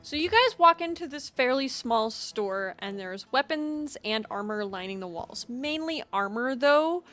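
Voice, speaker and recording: A woman's voice: sits high, animated, unhurried, fairly bright tone, soft background music. A woman narrating as game master of a tabletop game, chatty and full of fillers. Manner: chatty, with many fillers and laughs.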